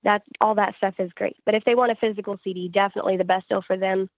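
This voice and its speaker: A fast-talking singer-songwriter takes interview questions conversationally, her pitch moving very little between phrases. The dry, phone-like audio has no room sound.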